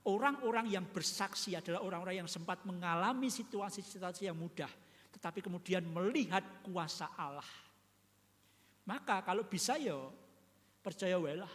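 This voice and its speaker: A man's voice: sits high, fairly bright tone. A man pastor preaching a sermon in a conversational way, often asking his congregation for agreement. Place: church. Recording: long church reverb.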